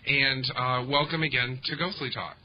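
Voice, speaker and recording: A man's voice: medium pitch, steady tone, moderate pace, a little hiss or hum. A man hosting a talk show, rambling with many restarts. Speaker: podcast host. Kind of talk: casual radio talk. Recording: dull lo-fi audio.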